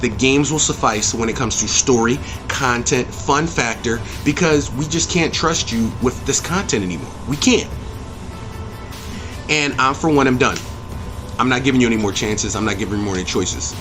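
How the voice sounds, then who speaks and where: With music in the background, a man speaks at a moderate pace in a mid-range voice. He hosts a channel and reviews video game movies, and this opinionated rant is emphatic, blunt and profane, with phrases repeated for punch.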